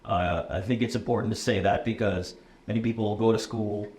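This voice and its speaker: A fairly low, darkish voice carries steady intonation at a slightly fast clip. The speaker is a native English-speaking American man in his thirties from the USA, a computer science instructor talking casually in a relaxed conversational interview with plenty of ums, uhs and "okay?" check-ins. The room gives a roomy echo and faint background noise.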